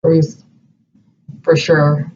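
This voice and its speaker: A man's voice: on the high side, completely flat delivery, drawn-out words, darkish tone. A man chatting casually as co-host, rambling and hesitant as he thinks aloud. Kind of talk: casual chat. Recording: distant muffled home recording with light hiss.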